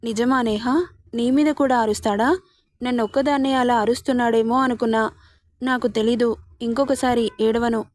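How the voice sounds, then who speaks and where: A woman's voice: on the high side, fairly even intonation, moderate pace, darkish tone, no echo, clean studio sound, natural voice. A woman voicing a naive, childlike young bride from a village, talking innocently and pleadingly.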